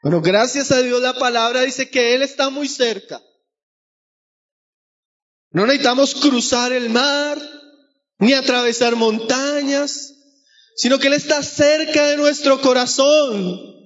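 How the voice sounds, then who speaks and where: A man's voice: very high voice, unhurried, pauses often, fairly bright tone, highs cut off. A man preaching a sermon, earnestly calling his listeners brothers. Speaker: pastor.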